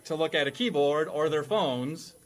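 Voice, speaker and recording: A man with a fairly high voice and a moderate pace hosts a podcast quiz. He blends scripted introductions with playful questions delivered in a mock-schoolmasterly way.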